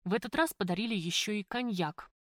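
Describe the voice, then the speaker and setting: A woman narrating a first-person audiobook in a lively, conversational storytelling manner. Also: mid-range voice, a little fast, dry recording, clean studio sound.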